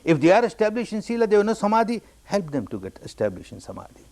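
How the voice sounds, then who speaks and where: A man from Burma giving a meditation discourse, telling his own story with repeated, emphatic phrases that jump up high on the key words. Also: huge pitch swings, fast, a little mellow. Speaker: meditation teacher.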